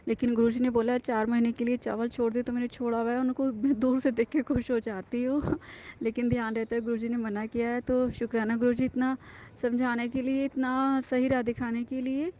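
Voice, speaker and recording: High, mellow-voiced woman giving earnest thanks. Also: little pitch movement, normal speed. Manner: earnest, confiding, with frequent fillers and restarts. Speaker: devotee sharing a testimony. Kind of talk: personal devotional testimony, casual.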